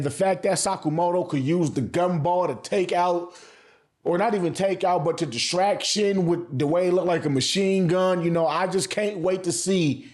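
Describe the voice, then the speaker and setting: A man whose voice sits high with a darkish tone hosts a casual anime review. His hype commentary is loaded with slang and profanity, and he repeats phrases for emphasis.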